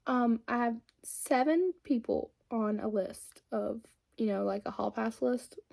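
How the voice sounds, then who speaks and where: A beauty vlogger in her 20s chats casually while doing her makeup, rambling along with plenty of fillers. Her voice is a little high, a little mellow, and unhurried, with some vocal fry.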